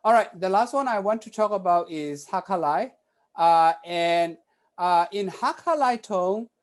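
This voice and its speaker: A man giving an academic conference talk, halting and filling pauses with many "uh" sounds. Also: high-pitched, lively intonation. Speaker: conference presenter.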